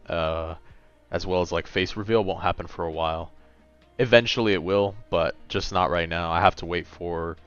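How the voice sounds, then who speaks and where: Deep-voiced laid-back young man streaming. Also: fairly bright tone, clear, resonant tone, no room sound, muffled recording. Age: late 20s. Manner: laid-back, rambling, answers chat. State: tired. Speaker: gaming livestreamer. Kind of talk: casual livestream chat.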